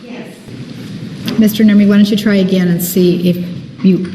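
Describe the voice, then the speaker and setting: A woman presiding as judge, speaking in a measured, procedural way, heard in a courtroom recording. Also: mid-range voice, fairly even intonation, dark tone. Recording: echoey courtroom recording, long reverb, faint hiss.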